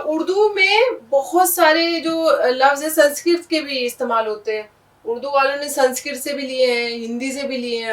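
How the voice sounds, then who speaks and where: A woman with a high voice teaches a language lesson, patiently spelling each word letter by letter and repeating it. She sounds distant from the mic. The room around her is echoey. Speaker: Urdu teacher.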